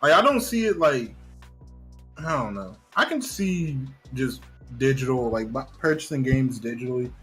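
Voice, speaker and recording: A man co-hosting a casual gaming podcast, trading animated slangy jokes with plenty of swearing. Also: medium pitch, normal speed, soft background music. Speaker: podcast co-host.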